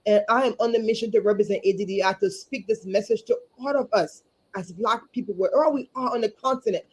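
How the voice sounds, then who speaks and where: A woman from Liberia, speaking earnestly as a guest over a video call, often repeating words and pausing on fillers. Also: mid-range voice, a little mellow, slightly rough. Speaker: guest, community advocate and chapter chair. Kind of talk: livestream interview.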